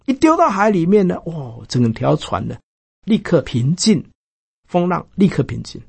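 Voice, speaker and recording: A male pastor preaching a sermon in Mandarin, retelling Bible stories in a lively way and voicing the characters. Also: moderate pace, vocal fry, slightly rough, no echo. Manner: lively storytelling, quoting characters with raised pitch.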